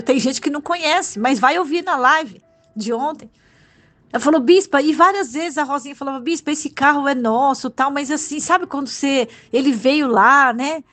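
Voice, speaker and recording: Brazilian woman preacher, high voice, fervent and emotional, bursts of exclamation. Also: normal speed, a bit bright. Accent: Brazilian Portuguese. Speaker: bishop preacher. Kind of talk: sermon.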